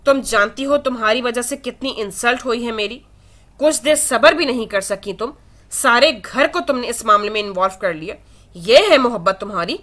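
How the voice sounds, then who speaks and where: A stern, angry young man in a read-aloud romance, harsh and clipped, with a sarcastic edge, as a woman reader voices him. The voice sits fairly high and bright. It is delivered as plain storybook reading.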